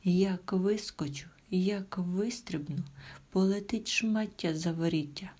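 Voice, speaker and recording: A woman's voice: fairly low pitch, slow pace, dark tone, husky. A woman voicing a sly, cheeky female fox who brags in a sing-song, half-whispered way in a storybook tale. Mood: sly bragging.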